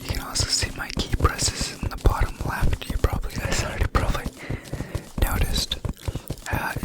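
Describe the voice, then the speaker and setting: A person whispering close into the ear, rambling haltingly in an unhurried way over ASMR gameplay. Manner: close, leaning-in whisper into the ears. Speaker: gaming video creator.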